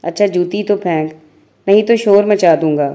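A woman voicing a brash young village man, in a lowered, gruff voice. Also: moderate pace, dark tone, close to an everyday voice. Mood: pleading. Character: rough young male village lover, brash.

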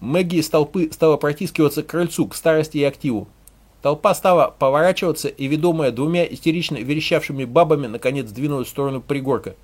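A narrator reading an audiobook with expressive storytelling. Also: medium pitch, fast.

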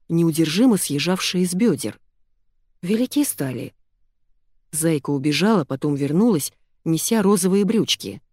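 A woman narrating an audiobook in the first person, in an expressive, wry manner. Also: sits low, no room sound, studio quality. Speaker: audiobook reader.

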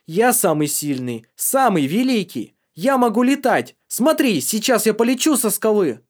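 A man doing a shrill, raving drugged boy. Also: moderate pace, lightly acted. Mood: manic, scornful. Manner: shrill, boastful, frantic shouting.

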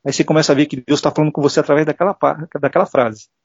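The voice is a little high, steady and husky, delivered rapid-fire with no echo. A middle-aged Brazilian interview guest with a Brazilian Portuguese accent tells earnest personal stories and acts out quoted voices, all on a dull, dry, lo-fi recording.

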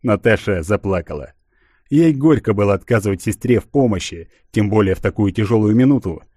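A man reading a literary audiobook in a measured, even way. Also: fairly low pitch, dry recording, clean studio sound. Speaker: audiobook narrator.

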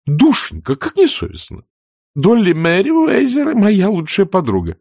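A male narrator voicing a fussy, easily tearful older aunt in a high, flustered voice for an audiobook. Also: huge pitch swings, unhurried, vocal fry, darkish tone, no echo, studio quality, exaggerated voice. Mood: fretful.

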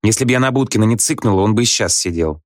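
A man reading a story aloud, voicing a bitter, scornful young wife who scolds her husband in quick reproachful outbursts. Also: on the low side, dry recording, clean studio sound, voice pushed up, natural voice. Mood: scolding.

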